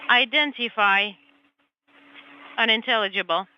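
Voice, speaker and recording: A woman interpreting space radio traffic live, in halting, piecemeal phrases. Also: fairly high pitch, sharp tone. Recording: dull, faintly noisy radio feed.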